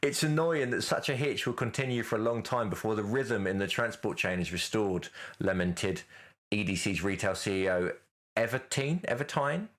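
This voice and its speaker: A man co-hosting a podcast who reads out odd news stories in a wry, animated way. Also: fairly low pitch, normal speed. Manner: wry, animated, laughs at his own jokes. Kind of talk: reading weird news, casual chat.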